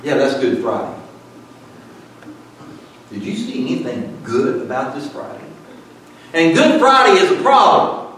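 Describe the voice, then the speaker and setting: Slow-preaching pastor in an echoing church. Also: male voice, mid-range voice, huge pitch swings, a bit bright, slight background noise. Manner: slow, emphatic preaching with asides. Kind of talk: sermon with scripture reading. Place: church sanctuary. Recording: echoey hall, mic at a distance.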